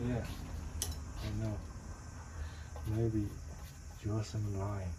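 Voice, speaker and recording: A man, chatting in simple, halting English while he paints. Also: on the low side, flat delivery, background noise. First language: Chinese. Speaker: watercolor painter practicing English. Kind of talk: casual chat while painting.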